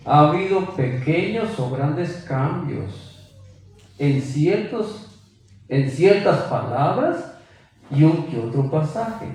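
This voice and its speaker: A man's voice: on the high side, darkish tone, recorded from a distance. A man preaching a sermon with emphasis, quizzing his listeners with rhetorical questions. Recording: very echoey room, voice from afar.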